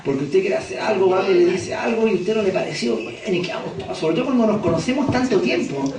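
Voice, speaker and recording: Male pastor, high voice, chatty preaching with rhetorical questions, distant mic in a boomy church. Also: lively intonation, fast, vocal fry, roomy sound. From Chile. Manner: conversational preaching with frequent rhetorical questions to the congregation. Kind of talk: sermon. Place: church hall. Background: congregation responding.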